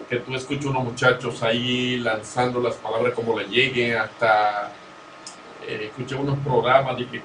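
A man's voice: mid-range voice, background noise. A man with a Dominican accent hosting an interview, asking long, winding questions. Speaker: interviewer, host. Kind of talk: conversational interview. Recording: roomy, distant mic.

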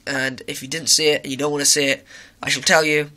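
Here the same kind of clip moves faster: a teenage boy with a cold and sore throat films his model build in a room at home on a handheld camera. His voice is a little high, pushed and bright, with little pitch movement, and he rambles casually with lots of fillers and corrections of himself.

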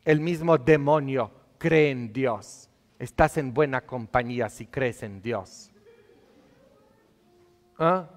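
A man's voice: medium pitch, slow pace, pauses often, big-room sound. A male priest giving a sermon, teasing and scolding the congregation with many questions. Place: church.

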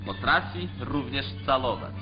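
A man narrates an old 1940s newsreel in a formal, declamatory manner at a middling pitch. The sound is dull and lo-fi, with music running under his voice. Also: animated, measured pace. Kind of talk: scripted newsreel commentary.

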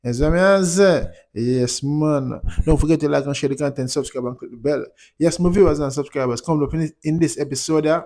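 A Jamaican man with a slightly high voice hosts a music commentary channel. He talks casually in Rasta speech, mixing Patois, blessings and repeated affirming tags as he addresses his viewers. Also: fairly quick, darkish tone. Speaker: YouTube channel host.

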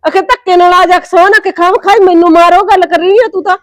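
A woman's voice: sits high, animated, fairly quick, no echo, studio quality. A woman playing a feisty mother, Palo. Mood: indignant. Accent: Punjabi. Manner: quarrelsome, snapping back. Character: feisty older mother Palo, sharp-tongued. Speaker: mother of Reet. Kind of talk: Punjabi short-film acting.

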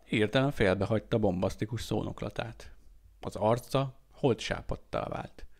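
Low, gravelly male audiobook reader. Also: darkish tone. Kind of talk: amateur audiobook narration.

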